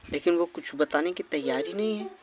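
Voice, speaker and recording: A man voicing a worried, scolding village mother in a doll cartoon, speaking fast and loud. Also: fairly high pitch, muffled recording, a little hiss or hum, natural voice. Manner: scolding, fussing.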